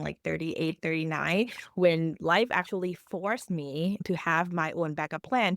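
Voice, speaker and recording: Woman, earnest and low-pitched. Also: no room sound, studio quality. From Thailand. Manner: earnest, explanatory, non-native phrasing. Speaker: financial coach. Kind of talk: podcast interview.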